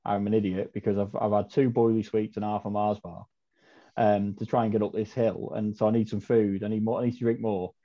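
A chatty man guesting on a podcast, rambling through his story with plenty of ums and restarts. His voice sits fairly low and sounds dark and mellow. The audio is dull and lo-fi. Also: level tone, brisk. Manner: chatty, rambling, with frequent ums and self-corrections. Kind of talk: casual storytelling chat.

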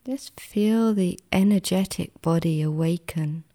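This woman guides a relaxation meditation much as a sleep story narrator would, gentle and soothing throughout. Her voice sits on the low side, soft and sometimes breathy, broken by long pauses.

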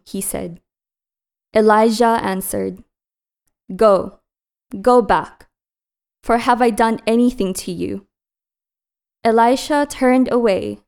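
A woman gives a liturgical reading with a smooth, clear voice. She takes her time, phrasing each line carefully and solemnly at a medium pitch. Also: a little mellow. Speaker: scripture reader. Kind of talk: liturgical scripture and psalm reading.

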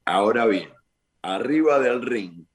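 A man's voice: medium pitch, expressive, takes it slowly. A man, a boxer's manager answering critics defensively and repeating his questions in a heated argument.

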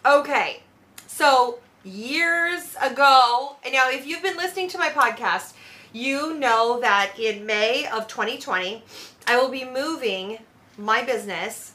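A woman hosting a podcast, chatting in a brash, animated way and swearing freely. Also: high-pitched, unhurried. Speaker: podcast host. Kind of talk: casual chat.

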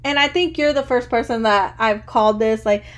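A woman in her early thirties hosts a relaxed podcast conversation. Her voice sits quite high, and she rambles, restarts and leans on "like" constantly. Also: normal speed. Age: 30s. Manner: chatty, rambling, says "like" constantly. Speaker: podcast host. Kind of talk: casual interview chat.

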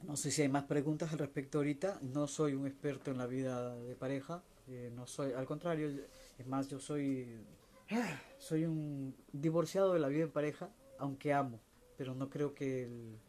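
A man with a mellow, darker voice speaks slowly and thoughtfully, often restarting and letting his sentences trail away quietly. There is a faint hiss of ambient noise behind him. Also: medium pitch, fairly even intonation. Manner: slow, searching, with many restarts and soft trailing endings. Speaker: speaker answering viewer questions. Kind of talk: reflective spiritual talk.

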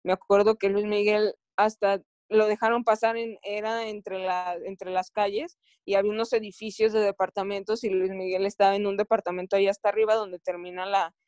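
A woman's voice: mid-range voice, level tone, a little fast, a little mellow, no echo. A woman with a Mexican accent, an athlete recounting her experiences in a casual interview, often stopping and restarting her phrases. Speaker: Olympic athlete guest.

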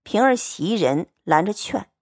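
A woman reading a classic novel as an audiobook, expressive storytelling. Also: medium pitch, measured pace, slightly rough, no room sound, studio quality. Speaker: reader.

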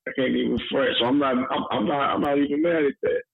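A man in a casual, profane rap debate, loudly and opinionatedly ribbing his friends in slangy talk. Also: mid-range voice, fast, vocal fry. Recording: muffled lo-fi sound, people chattering behind.

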